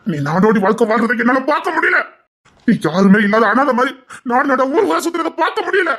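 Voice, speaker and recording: An actor with a Tirunelveli Tamil accent playing a desperate young man who pleads with his lover, swinging from hushed pleas to shouting. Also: extremely high pitch, very animated, fast, exaggerated voice. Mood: impassioned. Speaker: actor in a romance drama. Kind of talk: emotional drama acting.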